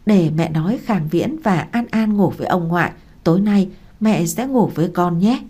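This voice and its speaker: A woman voicing an older mother who speaks in a calm, soothing, reassuring way. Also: lowish voice, normal speed.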